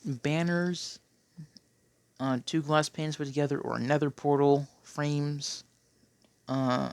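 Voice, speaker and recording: A man's voice: on the high side, steady tone, slow, no echo. A man giving casual, rambling gameplay commentary, with a phlegmy throat and a habit of tacking on "okay?". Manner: rambling, keeps clearing his throat, tacks on "okay?". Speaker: Minecraft player.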